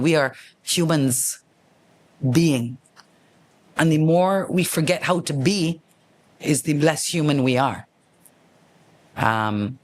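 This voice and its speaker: Animated middle-aged man telling stories. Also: medium pitch. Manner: animated, acts out the people in his stories. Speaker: host, former radio host. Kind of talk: casual storytelling monologue.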